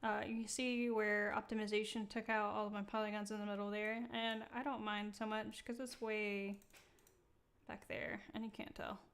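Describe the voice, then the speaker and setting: A woman hosting a live-streamed software tutorial, talking casually with many fillers and laughing at her own slips. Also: medium pitch, level tone, moderate pace. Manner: casual, chatty, many ums, laughs at herself. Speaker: software demo host. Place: indoor room.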